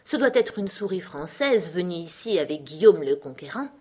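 A woman's voice: fairly low pitch, animated, normal speed, darkish tone, husky. A woman voicing a curious, polite little girl who talks eagerly to please. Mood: wondering.

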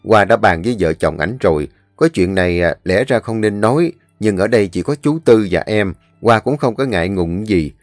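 A man's voice: on the low side, lively intonation, normal speed, few pauses, dry recording, clean studio sound, faint music behind, natural voice. A man voicing a stern, protective elderly village landlord with a firm, commanding manner. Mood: confiding.

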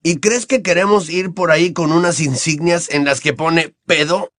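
A joking teenage wizard boy, lazy and sarcastic, with a pitch raised well above the reader's own, voiced by a man. He grumbles and mocks, in a dry, close audiobook read. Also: moderate pace, fairly bright tone, no echo, close to an everyday voice. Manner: sarcastic, mock-offended.

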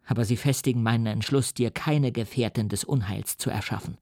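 A man's voice: medium pitch, a little fast, a little mellow, dry recording, studio quality, lightly acted. A man playing a proud young male scientist who answers with vehement, indignant defiance. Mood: defiant.

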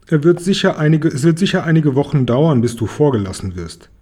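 A man's voice: fairly high pitch, animated, fairly quick, warm tone. A man reading aloud, voicing a boastful, persuasive male trader in a children's story. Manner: smooth, persuasive, self-assured.

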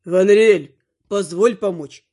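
Brief: woman voicing a pushy, cunning son-in-law, loud and blunt, storybook reading. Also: mid-range voice, slow, pitched below the performer's own voice. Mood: smooth. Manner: barking, forceful outbursts. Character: brash, scheming son-in-law, forceful and loud. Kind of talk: audiobook character voice.

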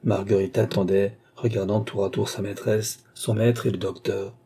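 A man narrating an audiobook of a classic novel with calm, even delivery. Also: fairly low pitch, normal speed, breathy edge. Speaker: audiobook reader. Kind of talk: scripted narration.

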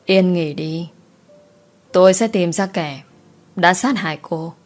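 A woman voicing a young gentleman master who gives curt, cold orders. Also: fairly low pitch, slow, soft background music. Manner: curt and commanding.

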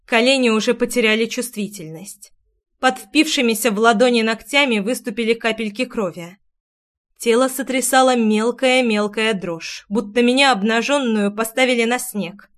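A woman's voice: a little high, normal speed. A woman narrating a first-person audiobook in an intimate, emotional reading.

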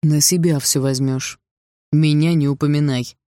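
An audiobook reader voicing a scheming young older brother who lectures and quietly threatens. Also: mid-range voice, animated, brisk, no room sound, natural voice. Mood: threatening. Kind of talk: audiobook dialogue.

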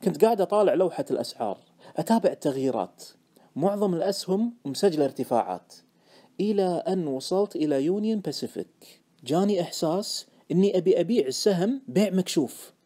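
A male audiobook narrator tells the story in the first person. His delivery is quick and animated, rising and falling freely, with a dark, mellow timbre. It is scripted, expressive narration. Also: high-pitched.

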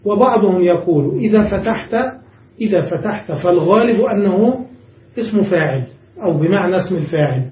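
High-voiced male sheikh lecturing in an echoey room. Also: animated, brisk. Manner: explains step by step, checks understanding with the class. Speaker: sheikh teaching Arabic grammar. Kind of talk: classroom grammar lecture. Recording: dull, echoey room, distant mic.

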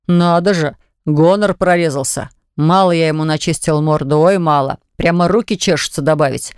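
A man's voice: fairly high pitch, a little mellow, dry recording. A man narrating a first-person audiobook in a wry, sardonic manner, close to the mic. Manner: wry, sardonic, gruff in dialogue.

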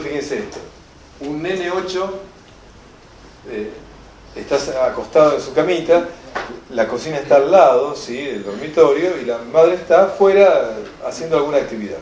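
A man with a Rioplatense Spanish accent teaching a seminar, telling lively anecdotes and acting out the people in them. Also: fairly high pitch, echoey room, a little hiss or hum. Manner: animated storyteller, acts out shouted quotes. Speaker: enneagram teacher.

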